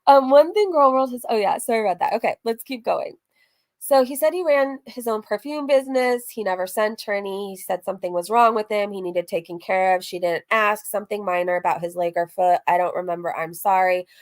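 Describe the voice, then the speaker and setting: A woman streamer hosting a reaction livestream talks casually through a recap, reading messages aloud and rambling candidly with asides and casual swearing. She speaks in a mid-range voice, a little fast.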